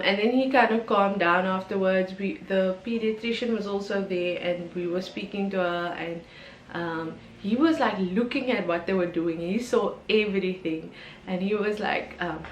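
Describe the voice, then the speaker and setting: A woman from South Africa telling a personal story on her vlog, candid and emotional, with lots of ums and likes. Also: medium pitch. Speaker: YouTuber. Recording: roomy echo with faint background noise.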